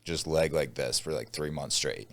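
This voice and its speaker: A man's voice: extremely low pitch, normal speed, creaky, fairly bright tone, dry recording. A man hosting a podcast, talking casually and bluntly, swearing and teasing his guest. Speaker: podcast host.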